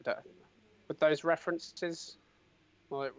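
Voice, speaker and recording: A man's voice: a little high, fairly even intonation, slow. A young man co-hosting a casual chat, throwing in dry, teasing quips. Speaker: co-host. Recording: slightly dull lo-fi sound.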